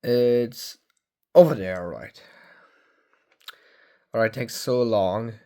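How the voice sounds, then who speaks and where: Young male vlogger, late teens, mid-pitched voice, halting and rambling delivery full of fillers. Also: dark tone. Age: young adult. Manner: rambling, halting, many fillers and self-corrections. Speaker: tech vlogger. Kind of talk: casual phone review. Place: at home.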